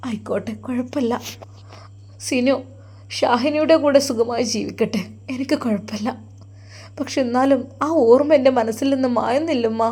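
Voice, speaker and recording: A woman voicing a heartbroken young wife who speaks quietly and tearfully, with a Malappuram Malayalam accent. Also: fairly high pitch, moderate pace, pauses often, husky. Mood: grieving. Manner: quiet, sobbing, hushed.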